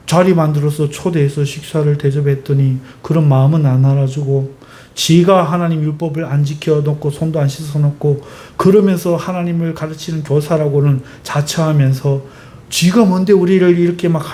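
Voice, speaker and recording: A man's voice: on the high side, fairly even intonation, normal speed, mellow, natural voice. A man voicing a heated, self-righteous Pharisee. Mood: indignant. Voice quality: heated, mocking.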